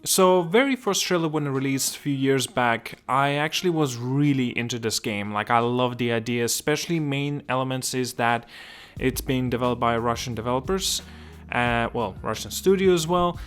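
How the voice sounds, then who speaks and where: A man's voice: mid-range voice, normal speed, clean tone. Rambling gaming vlogger man from Estonia. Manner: rambling, restarts a lot, keeps asking if it makes sense. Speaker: gaming video host. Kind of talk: casual gaming commentary.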